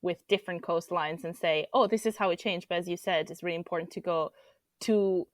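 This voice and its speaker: A woman's voice: lowish voice, steady tone, brisk, dry recording, clean studio sound. A woman co-hosting a podcast, thoughtfully summing up what the guest has said, with the odd "um". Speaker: podcast co-host. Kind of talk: podcast conversation.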